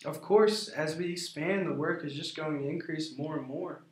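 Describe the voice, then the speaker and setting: A man in a rehearsed business role play, answering as a prospective client in a measured, formal way. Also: a little high. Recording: echoey, roomy sound.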